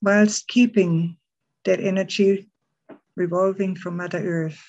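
A woman leading a guided meditation in a soft, breathy, soothing voice, leaving long pauses between short phrases. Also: lowish voice, fairly even intonation, lo-fi sound.

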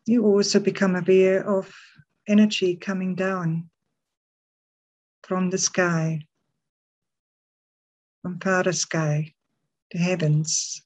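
A woman leads a guided meditation very unhurriedly, with soothing short phrases and long gaps. Her voice is soft, breathy and mellow, and the recording sounds slightly muffled. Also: lowish voice, level tone, slow pace, pauses often.

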